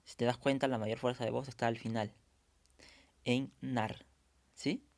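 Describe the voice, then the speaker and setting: Patient gravelly-voiced male teacher. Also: mid-range voice, steady tone, darkish tone, no echo. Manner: patient, repeats words slowly to model pronunciation. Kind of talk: online class lecture.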